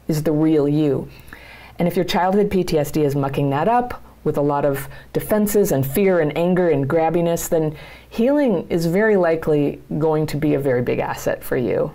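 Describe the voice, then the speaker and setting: A middle-aged woman with a low voice, talking straight to her viewers about their lives. Her tone is dark and mellow, with a gravelly edge. She speaks as a coach, earnest and plain-spoken. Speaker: channel host and coach. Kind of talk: direct-to-camera advice talk.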